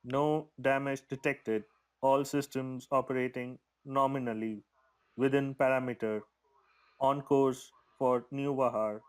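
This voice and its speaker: A man, the game master, voicing a calm starship computer that gives clipped, formal status reports. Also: mid-range voice, unhurried, close to an everyday voice, rough recording.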